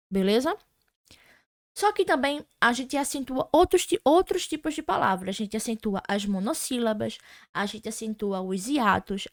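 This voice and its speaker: A woman with a Brazilian Portuguese accent teaching an online grammar lesson, patiently checking in with "tá?" and slowing down to stress key terms. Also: fairly high pitch, no echo, clean studio sound. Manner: patient, repeats checks like "tá?" and "certo?".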